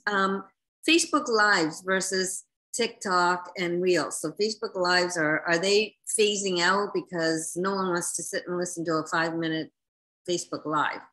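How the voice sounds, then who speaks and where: A woman's voice: lowish voice, fairly even intonation, moderate pace, pushed and bright. A woman hosting a workshop over a video call, effusive and upbeat as she moves on to her questions. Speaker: host.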